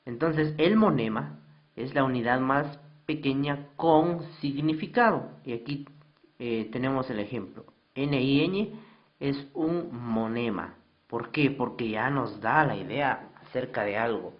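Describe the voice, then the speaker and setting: Slow, patient male teacher, lo-fi sound. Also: mid-range voice. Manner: patient, repeats definitions and asks the class questions. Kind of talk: recorded slideshow lesson.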